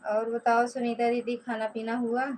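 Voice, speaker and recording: A woman from Pratapgarh, Uttar Pradesh, India, hosts a casual home live stream in Awadhi-tinged Hindi, chatting and greeting viewers one by one by name while stretching out her words. Her fairly high voice is completely flat and darkish at a moderate pace. The low-quality recording carries a little hiss or hum.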